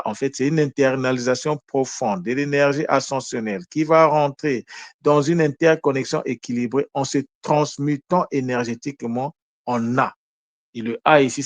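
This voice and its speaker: Deliberate man teaching word meanings. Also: medium pitch, dry recording. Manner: deliberate, asks himself questions and answers them; corrects himself mid-sentence. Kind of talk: explanatory lesson talk.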